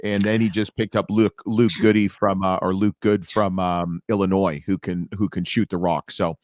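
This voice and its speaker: A man co-hosting a podcast in casual conversation, talking in a lively, rambling way and correcting himself mid-sentence. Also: sits low, normal speed, dry recording, clean studio sound. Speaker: podcast co-host. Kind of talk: casual sports podcast chat.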